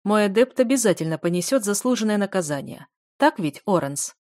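A woman voicing a calm, powerful older male rector of a magic academy who speaks with dry mockery, in an audiobook reading. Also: mid-range voice, brisk, close to an everyday voice.

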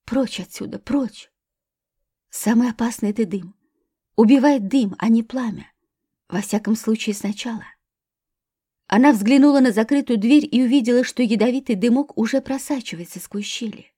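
A woman narrating a thriller audiobook with a tense, measured reading. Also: fairly high pitch, dark tone, husky, no room sound, studio quality.

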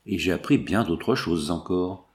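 A man's voice: low voice, unhurried, pitched below the performer's own voice. A man voicing a stern aristocratic father in an audiobook, firm and indignant as he lectures his daughter. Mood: grave. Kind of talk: audiobook character voice.

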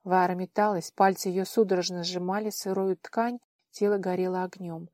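A woman narrating an audiobook in an expressive, measured manner. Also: lowish voice, no room sound. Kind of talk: scripted narration.

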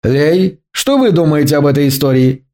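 A man voicing a haughty, skeptical man in an audiobook, sarcastic and prone to high, loud exclamations. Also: expressive, normal speed, natural voice. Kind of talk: audiobook reading.

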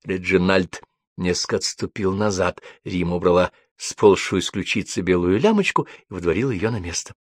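A man reading a story aloud with a wry, deadpan narration. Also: sits low, normal speed, slightly rough, no room sound.

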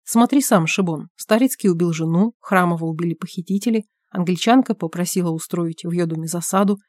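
A man's voice: high voice, no echo, clean studio sound, lightly acted. A woman voicing an agitated, talkative man who keeps pressing his friend with questions, reading an audiobook. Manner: excited rapid-fire questioning.

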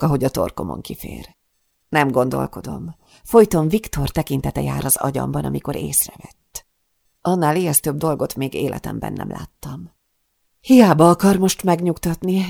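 A woman narrating a first-person audiobook with dramatic, breathless delivery. Her voice carries a strong gravelly fry throughout. The recording is dry and close, with no room sound. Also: sits low, dark tone, dry recording.

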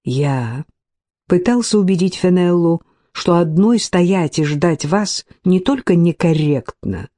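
A reader playing an icily formal gentleman in a period romance audiobook, speaking slowly on a level, measured tone. The voice sits a little lower, dark and mellow, dry. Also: expressive, dry recording. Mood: icy. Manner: slow, level, icy. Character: cold, composed older gentleman, icily formal.

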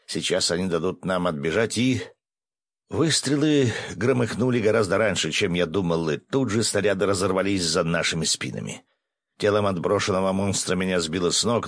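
Deep-voiced male audiobook narrator. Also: fairly bright tone, dry recording, studio quality. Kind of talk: first-person fiction narration.

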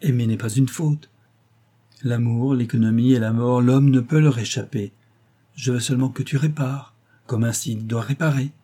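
A man voicing a noble young wife, gentle but resolute, in an audiobook reading with an earnest, solemn manner. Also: mid-range voice, steady tone, normal speed, close to an everyday voice.

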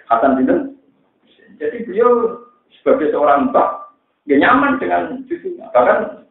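A man with a Central Javanese accent preaching a religious lecture, telling stories in a lively way that mixes jokes and pleading. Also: mid-range voice. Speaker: Islamic preacher. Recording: echoey, tinny lo-fi recording.

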